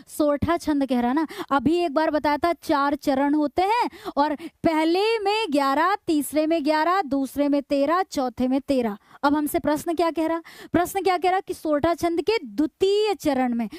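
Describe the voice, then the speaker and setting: A woman runs a live online exam-prep lesson, asking her students questions and answering them herself. Her voice sits very high. The sound is dry and close, with no room around it. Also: no echo. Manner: repeats key points, coaxing questions to students. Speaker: online Hindi teacher.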